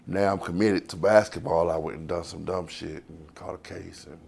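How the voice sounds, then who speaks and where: Deep gravelly man in his forties. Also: fairly even intonation, normal speed, darkish tone. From Texas. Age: 40s. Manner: loose, rambling, profane street talk. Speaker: interviewee. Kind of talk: candid life story interview. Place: outdoors on the street.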